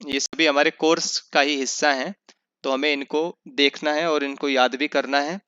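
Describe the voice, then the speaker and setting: A man teaching an online revision lecture, explaining step by step by asking and answering his own questions and slowing down to spell out sounds. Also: on the high side, flat delivery, sharp tone, clear, resonant tone, no room sound. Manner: slows down to spell out sounds and example words. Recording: dull lo-fi sound.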